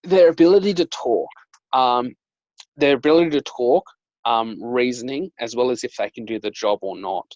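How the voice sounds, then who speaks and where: A man's voice: medium pitch, moderate pace, a little mellow, dry recording, dull audio. A young man, hosting a casual chat and telling stories with lots of fillers like "like" and "um". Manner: chatty storyteller, lots of "like" and "um". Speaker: dating coach and host.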